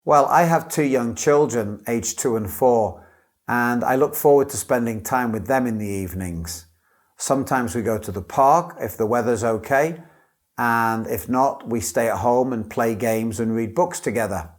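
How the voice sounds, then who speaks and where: A man, an English teacher, giving scripted model answers as an exam candidate in a clear, careful delivery. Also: mid-range voice, normal speed.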